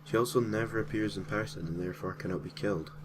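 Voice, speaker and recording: Over a noisy background, a man with a lowish voice narrates quickly. He hosts a gaming creepypasta series, reading a gaming story from a script in an informal way, with casual asides that sound slightly hesitant.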